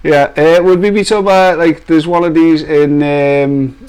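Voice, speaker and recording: A man with a slightly raised voice chats loosely on a live stream, joking and teasing his co-host. He laughs often and ribs viewers in a relaxed, playful way. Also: a little high, normal speed, clean tone. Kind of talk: casual live-stream banter.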